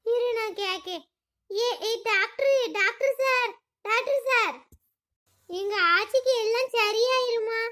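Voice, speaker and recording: A woman doing a squeaky, chatty cartoon girl with a lilt. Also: takes it slowly, bright, forceful tone, heavily acted. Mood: fretting. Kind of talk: cartoon comedy voice acting.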